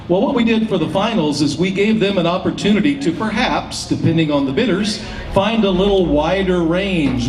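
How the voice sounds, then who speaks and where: This man's voice is fairly high yet darkish in tone as he hosts a public event, folksily explaining things to those gathered. He's an auctioneer and emcee, heard through a roomy, distant PA with a faint hiss of noise.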